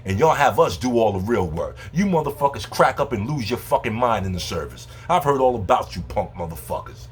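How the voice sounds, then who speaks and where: A man's voice: mid-range voice, sing-song, brisk, few pauses, slightly rough. Heated, profane man ranting. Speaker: video host. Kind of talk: angry ranting monologue.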